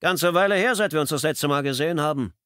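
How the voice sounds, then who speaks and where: A man's voice: fairly high pitch, fast talker, bright, forceful tone, no echo, clean studio sound, voice pushed up. A man voicing a weary, wry middle-aged homicide detective in an audiobook. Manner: tired, wry. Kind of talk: audiobook character voice.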